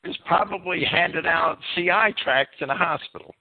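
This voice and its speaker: A man's voice: high-pitched, normal speed, breathy edge. A man hosting a call-in show, speaking off the cuff in an emphatic, repetitive way. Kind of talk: spontaneous monologue and chat with callers. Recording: narrow phone-like radio sound.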